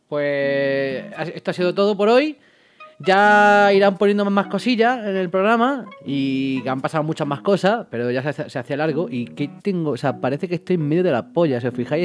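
Spanish-accented male gamer, high voice, big swings; mutters, then yells and curses at the game. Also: moderate pace, soft background music. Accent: Spain Spanish. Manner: excitable, swings from muttering to yelled outbursts, swears freely. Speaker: gaming YouTuber. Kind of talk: let's-play gameplay commentary.

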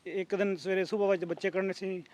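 A man, a villager quickly recounting his calls for help. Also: sits high, level tone, darkish tone. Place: outdoors in a flooded village.

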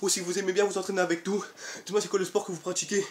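While doing a home leg workout in his bedroom, a young adult fitness YouTuber counts reps and encourages viewers between breaths with lots of energy. His high-pitched, rapid-fire voice is recorded from across the room by a camera mic, sounding distant and echoey with a little hiss or hum.

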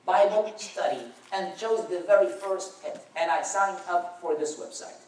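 High-pitched and a little mellow, a young man with an Iraqi Arabic accent tells his testimony at a measured pace, wry and dryly funny. He is a guest speaker in a church auditorium, heard through a far-off camera that adds a roomy reverb.

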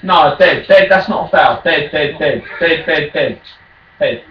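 A British man trash-talking as a raging gamer during an online football game, shouting and taunting his opponent. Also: on the high side, unhurried, lo-fi sound. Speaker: video game player. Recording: echoey room, distant mic, faint noise.

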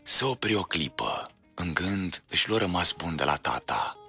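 Low-voiced man reading a fairy tale, bright edge, husky, faint music underneath. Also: lively intonation. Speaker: storyteller. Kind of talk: scripted storybook narration.

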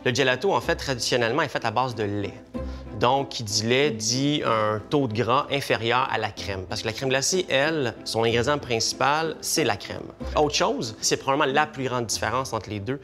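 A middle-aged man, a gelato consultant explaining his craft in a café, animated and gesturing as he talks. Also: medium pitch, normal speed, faint music behind. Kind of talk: explanatory talk to camera. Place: café interior.

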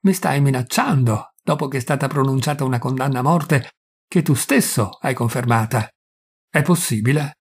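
A man voicing a proud defiant high priest. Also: slightly rough. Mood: proud, calm.

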